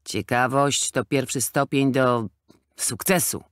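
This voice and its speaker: A fat, cunning gangster who sneers and hisses his threats, as a male narrator puts him on. He talks down to everyone in this storybook scene, loud and pushy. The sound is dry and close to the mic. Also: medium pitch, fairly even intonation, slow pace, no echo. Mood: scornful. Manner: sly, scornful, hissing threats. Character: fat sly middle-aged male gangster.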